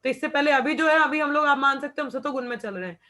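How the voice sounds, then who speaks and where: A young woman leads an informal spiritual class, explaining things patiently and mixing in English phrases. Her voice sits fairly high. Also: quick pace, sharp tone. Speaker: devotional class speaker.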